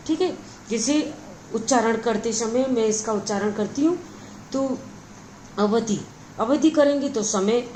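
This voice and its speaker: A woman's voice: a little high, a little mellow, a little hiss or hum, rough recording. A woman teaching a grammar lesson, explaining each point patiently and checking in with her listeners again and again. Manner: patient, repeats words and adds frequent check-ins.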